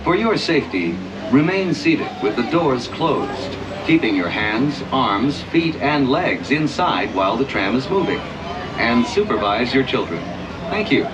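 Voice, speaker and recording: A man giving a formal, measured prerecorded safety announcement played over an outdoor tram loudspeaker. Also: medium pitch, sing-song. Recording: distant loudspeaker with loud noise.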